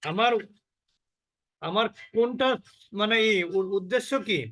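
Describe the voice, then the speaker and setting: A man teaching an online recitation class, drawing out each sound slowly and quizzing his students. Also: high voice, a bit bright. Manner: slow drawn-out demonstrations of sounds, asks the class questions.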